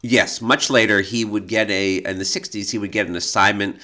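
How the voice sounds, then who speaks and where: A man co-hosting a podcast tells anecdotes about art history in a casual, conversational way, acting out the quoted dialogue. His voice is on the low side with a sharp tone and fairly even intonation, and he speaks a little fast.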